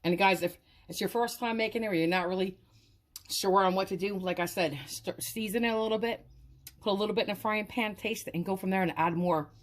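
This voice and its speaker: A woman's voice: medium pitch, a little fast. A woman hosting a casual home cooking video, talking enthusiastically to her viewers and repeating words of praise as she explains each step.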